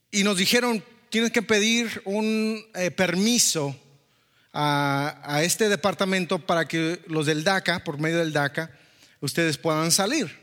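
A man preaching a personal testimony, telling the story in a lively way and acting out the dialogue. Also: fairly high pitch, in a large hall. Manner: storytelling, animated, acts out dialogue. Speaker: pastor. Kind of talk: sermon testimony.

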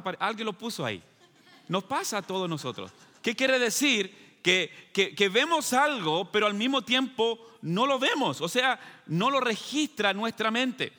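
Guy preaching a sermon, bright sharp voice, keeps asking "right?", big echoey hall. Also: high-pitched. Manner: asks the listeners rhetorical questions, adds "¿verdad?"; explains in plain terms with everyday examples.

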